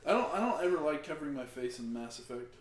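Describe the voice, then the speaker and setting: A man's voice: a little high, animated, fast. A man co-hosting a casual podcast, blunt and swearing freely about video games. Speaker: podcast co-host. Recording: echoey room with chatter behind.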